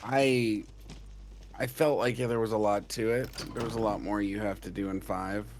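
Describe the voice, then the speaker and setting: A man's voice: on the low side, fairly even intonation, normal speed, a little hiss or hum. A man chatting casually with a friend during a game, rambling and loose in his talk. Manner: rambling, loose, laughs easily. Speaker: co-player guest. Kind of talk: casual gaming chat.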